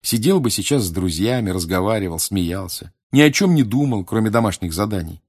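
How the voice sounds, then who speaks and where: A man narrating an audiobook in a steady, expressive storytelling manner. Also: fairly low pitch, a little fast, husky. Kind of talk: audiobook reading.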